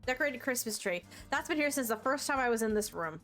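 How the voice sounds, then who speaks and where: A woman's voice: a little high, animated, fast, fairly bright tone, soft background music. A woman streamer doing chatty, amused let's play commentary, reading items aloud.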